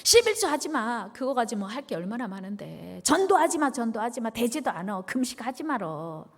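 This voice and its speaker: A woman's voice: a little high, very animated, fairly quick, husky, heavily acted. A woman voicing a sly, persuasive devil who coaxes in nagging repetitions. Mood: coaxing.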